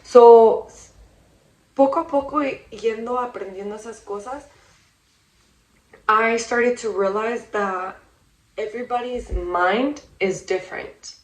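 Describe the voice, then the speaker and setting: A woman with a somewhat high voice talks casually and earnestly as the host of her own podcast. She explains her points to her listeners and drifts between Spanish and English. The recording sounds rough and echoey, as if made in a bare room. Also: slow pace, a bit bright.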